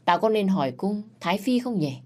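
A woman's voice: medium pitch, lively intonation, fairly quick, mellow, pitched above the performer's own voice, natural voice. A woman doing a taunting cruel crown prince. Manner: taunting, menacing.

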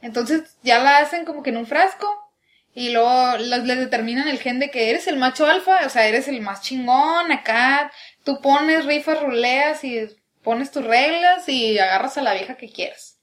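High-voiced young woman from northern Mexico. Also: normal speed, a bit bright. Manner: storytelling, mimics others' accents. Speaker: podcast co-host. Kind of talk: casual chat.

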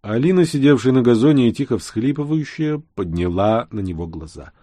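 A man narrating a post-apocalyptic audiobook in a steady, dramatic reading style. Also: mid-range voice, brisk, no echo, clean studio sound. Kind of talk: scripted narration.

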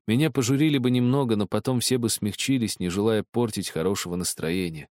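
A man with a low voice reads literary prose as an audiobook, measured and expressive. The recording is dry and close, with no room sound. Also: no echo. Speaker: narrator.

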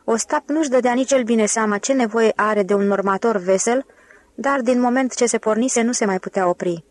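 A woman narrating an audiobook novel in an even, clear reading style. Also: on the high side. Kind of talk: scripted narration.

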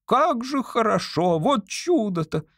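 Male reader as a giddy old woman playing a young stage actress, high and breathless, lively swoops. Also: moderate pace, no room sound, studio quality, close to an everyday voice. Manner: high, excited, breathless girlish exclamations.

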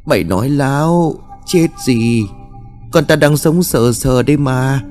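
A man's voice: mid-range voice, lively intonation, moderate pace, a little mellow, soft background music, lightly acted. A man voicing a grief-crazed old village mother who wails and shrieks threats. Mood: raving. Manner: wailing, then shrieking threats.

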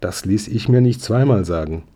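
A man voicing a pert, bossy little girl cousin in a storybook reading, squeaky and quick-witted. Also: warm tone, slightly rough. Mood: cheeky.

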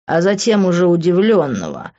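Woman, audiobook narration, steady expressive reading, slightly dull audio. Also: fairly low pitch, normal speed. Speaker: audiobook reader. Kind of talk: first-person audiobook narration.

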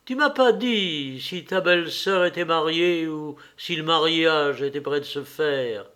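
Brief: man voicing a lovesick young nobleman, impulsive, swings eager to gloomy, slightly high. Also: measured pace, a bit bright. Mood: alarmed.

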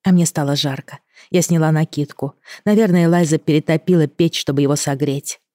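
Woman narrating a novel, mellow and dry. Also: low-pitched, brisk, no room sound. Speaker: audiobook reader. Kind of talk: first-person novel narration.

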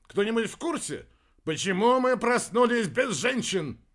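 A man voicing a loud, pompous male sea captain of great age who speaks slowly. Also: very high voice, lively intonation, voice pushed up, full character voice. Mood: booming. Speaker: audiobook narrator.

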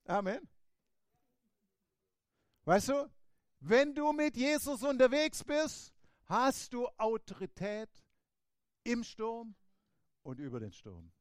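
A man's voice: extremely high pitch, big pitch swings, takes it slowly, long pauses, dry recording. A man preaching a sermon emphatically, with rhetorical questions and frequent amens.

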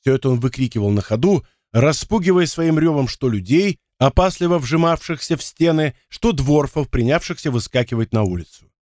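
A man reads an adventure audiobook with a lively, animated delivery and a voice pitched a little high. The recording is dry and close, with no room sound. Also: normal speed, no room sound. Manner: lively, expressive reading. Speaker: audiobook narrator. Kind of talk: audiobook narration.

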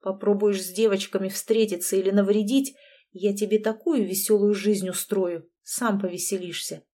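A grown man who warns off a troublemaker in a low, level voice, never raising it, as a woman reading the story puts him on. The threat comes cold and controlled. It is a spoken storybook scene. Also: steady tone, moderate pace, warm tone, lightly acted. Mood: quiet menace. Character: quiet, protective grown man, coldly menacing. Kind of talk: audiobook reading.

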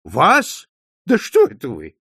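A man voicing a stern, hot-tempered innkeeper in a spoken story, loud and commanding. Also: medium pitch, huge pitch swings, moderate pace, husky, dry recording, clean studio sound, exaggerated voice. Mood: puzzled.

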